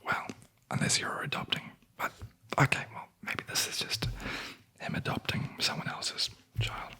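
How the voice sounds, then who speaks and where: A sleep story narrator whispering a fairy tale in a breathy ASMR voice, with dry, wry asides. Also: measured pace. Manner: wry, deadpan commenting on the story.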